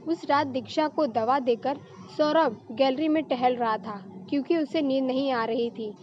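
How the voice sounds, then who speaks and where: A woman narrating a story in a steady, plain telling style. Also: sits high, measured pace, lo-fi sound, a little hiss or hum.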